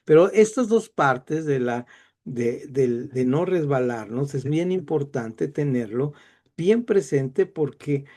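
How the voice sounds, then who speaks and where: In a dark, mid-range voice, a middle-aged man with a Mexican accent delivers a Bible lesson slowly yet animatedly. His lecture style is chatty and digressive, with self-deprecating asides.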